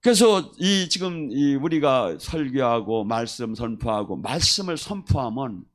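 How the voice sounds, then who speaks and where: A man preaching a sermon as a pastor, telling testimony stories in an animated way and acting out the people he quotes. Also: mid-range voice, unhurried. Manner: animated storyteller who acts out quoted voices.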